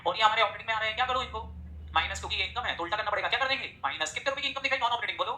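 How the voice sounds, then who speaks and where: A male teacher giving a classroom lecture, firing quick questions at his students and pushing them to answer. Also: sits high, sharp tone. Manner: drills the class with rapid-fire questions. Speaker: accounting teacher. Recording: echoey room.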